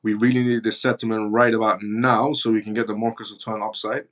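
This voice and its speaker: A man from northern Iran hosts a live stream, answering viewer chat bluntly and repeating his points for emphasis. His voice is on the low side, level in tone, and a little fast.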